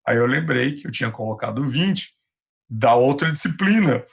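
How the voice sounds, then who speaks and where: A man's voice: medium pitch, animated, normal speed, gravelly. A male physics teacher with a Brazilian Portuguese accent, giving an online class in a patient, reassuring, chatty way over a computer mic.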